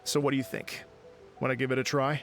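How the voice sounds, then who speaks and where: A man's voice: medium pitch, little pitch movement, fast, fairly bright tone, faint music behind, lightly acted. An actor playing a courteous young male event organizer who hesitates with small fillers and sounds a little fussy. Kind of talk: video game voice acting.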